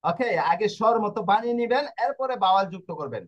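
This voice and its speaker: A man teaching a language class, repeating sounds slowly syllable by syllable as he explains pronunciation. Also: high voice, very animated. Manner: repetitive, drills sounds syllable by syllable. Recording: dull lo-fi recording.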